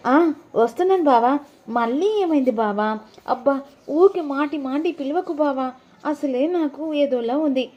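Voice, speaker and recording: A woman's voice: moderate pace, dull audio, natural voice. A woman voicing a playful, teasing young wife in a sing-song manner. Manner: sing-song, teasing, raises her voice high.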